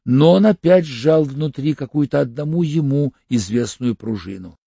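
A man narrating an audiobook in a steady, even storytelling manner. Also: mid-range voice, normal speed, gravelly, husky, no room sound. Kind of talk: scripted narration. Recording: dull lo-fi audiobook recording.

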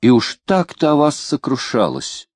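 Man voicing a frightened peddler, wheedling and shrill, wild swings in pitch. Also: sing-song, unhurried, darkish tone, breathy edge, no room sound. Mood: pleading. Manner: whining and pleading, rising to shrill. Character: fawning, cunning male peddler, frightened.

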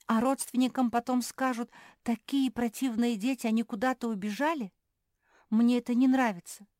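A timid little male dog from a storybook, as a woman reader puts him on, high and strained with fright. The voice sits close and dry against the mic. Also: a little fast, mellow, no echo, close to an everyday voice. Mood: frightened. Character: young male dog, timid and easily scared.

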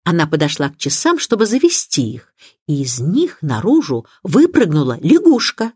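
A woman reading the part of an elderly spinster detective, mild and precise, with a lively voice. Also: low-pitched, normal speed, slightly rough, no room sound, clean studio sound, heavily acted. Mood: musing. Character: shrewd gentle elderly spinster sleuth.

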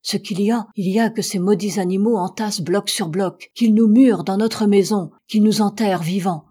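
A woman voicing a bold, hot-tempered American man, loud and exasperated, in a read-aloud novel. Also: on the low side, moderate pace, slightly rough.

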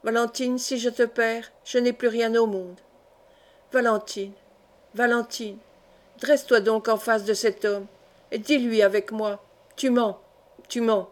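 A woman's voice: on the high side, fairly even intonation, measured pace, pauses often, lightly acted. A woman voicing a proud, stern old Breton count, reading him in a solemn, grave way close to her own voice. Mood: anguished.

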